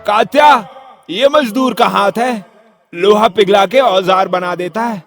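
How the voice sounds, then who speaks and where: A man voicing a powerful, vain male ghost who haunts a cremation ground, gruff and threatening with movie-style lines. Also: sits high, unhurried, fairly bright tone, soft background music. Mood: boastful. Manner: gruff threats with filmy movie-line flourishes. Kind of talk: audio story acting.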